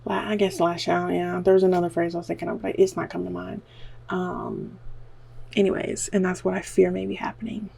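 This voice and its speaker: Her lowish voice is sing-song and brisk, with vocal fry, a dark tone, and a little hiss or hum in the audio. The speaker is a beauty vlogger from the American South, self-filming at home while dyeing her hair and rambling to camera in a nervous, self-deprecating way full of "like."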